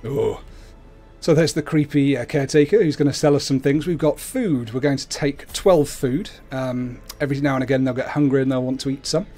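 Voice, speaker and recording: A man streams a video game in a casual, explanatory style. His voice sits at a medium pitch, with some music playing faintly behind him. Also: a little fast, warm tone. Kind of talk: casual explanatory gameplay commentary. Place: indoors at a computer, webcam.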